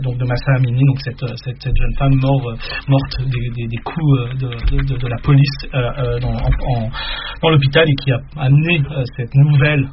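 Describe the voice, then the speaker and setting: A man hosting a live radio show from a studio in casual chat, hesitant, with many fillers and restarts. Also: mid-range voice. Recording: lo-fi radio broadcast with noise.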